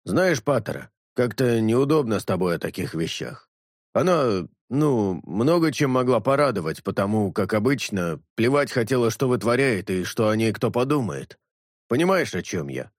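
A man reading an audiobook, voicing a blunt, wary streetwise man who grumbles and swings his pitch up and down. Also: very animated, moderate pace, no room sound, studio quality.

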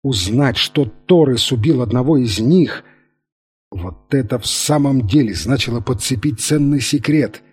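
A man reading an adventure novel aloud as narrator in an even, measured manner, with a husky voice. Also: mid-range voice. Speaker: audiobook narrator. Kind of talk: scripted narration.

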